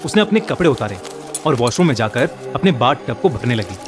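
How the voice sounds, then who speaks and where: A man's voice: mid-range voice, sing-song, brisk. A man narrating a scripted horror story in a dramatic storytelling manner. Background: music.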